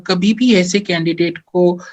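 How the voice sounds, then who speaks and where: A man's voice: high-pitched, fairly even intonation, measured pace, darkish tone. A man giving career advice in a live question-and-answer workshop. He explains step by step, mixes English phrases into his speech and often checks in with "theek hai". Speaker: career advisor.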